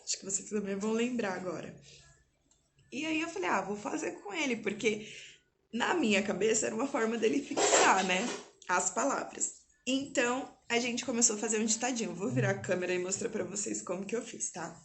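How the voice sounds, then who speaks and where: A woman's voice: mid-range voice, fairly quick, slight background noise. A woman, a mother, explaining something to her viewers at home in a casual, chatty way, often tagging her sentences with little questions. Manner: chatty, frequent tag questions. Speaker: mother and vlogger. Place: at home indoors.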